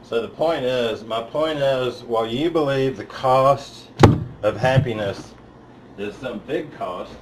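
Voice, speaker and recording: A man giving a live spiritual talk in an auditorium. He speaks bluntly, swears freely, builds to loud emphatic peaks and then drops back down low. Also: takes it slowly, roomy sound, heavy background noise. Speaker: spiritual teacher. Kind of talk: live motivational talk to an audience.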